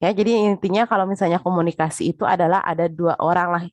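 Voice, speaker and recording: A woman's voice: on the low side, fairly even intonation, quick pace, darkish tone, no room sound. A woman giving a casual spoken lecture, chatty, with frequent filler tags, talking straight to her listeners.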